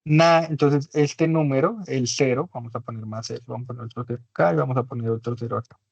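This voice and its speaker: A man's voice: medium pitch, fairly even intonation, fast talker, vocal fry, a little mellow, slightly rough, no room sound, lo-fi sound. A man teaching an English class in Spanish, his first language, patiently explaining and checking understanding with tag questions. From Latin America.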